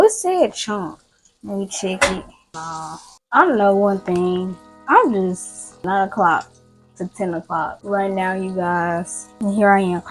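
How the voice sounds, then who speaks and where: A tired woman, chatting casually and rambling to her viewers while cooking in her home kitchen, recorded by a nearby camera. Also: lowish voice. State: tired, yawning. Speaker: cooking vlogger. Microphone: camera close by.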